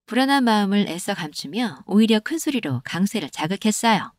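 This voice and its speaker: A woman narrating a comic folktale animation in a gentle storytelling cadence. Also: medium pitch, very animated, fairly quick, no room sound, studio quality.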